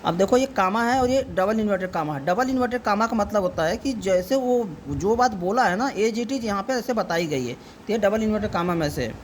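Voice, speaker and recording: A man giving a home tutoring lesson, reading English word by word for a child to repeat and explaining slowly and patiently. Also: sits high, lively intonation, a little hiss or hum. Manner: slow, careful explaining.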